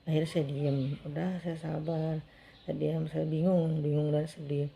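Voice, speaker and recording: A woman's voice: low voice, little pitch movement, measured pace, creaky, dark tone, slight background noise. A woman telling a heartfelt story from her own life in a casual, chatty way, acting out what others said. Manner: chatty and heartfelt, acts out quoted speech.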